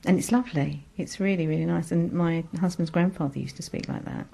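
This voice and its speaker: A woman chats warmly and easily in an interview. Her voice is low for a woman and a little husky. She sounds fond of what she is describing. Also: a little fast. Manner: fond, conversational. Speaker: oral history contributor. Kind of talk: chatty interview talk.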